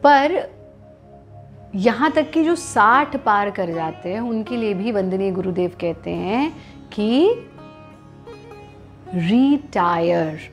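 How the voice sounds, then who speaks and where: Calm, slow-speaking Indian woman yoga teacher. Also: medium pitch, faint music behind. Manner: calm, measured, instructive. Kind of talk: guided yoga instruction.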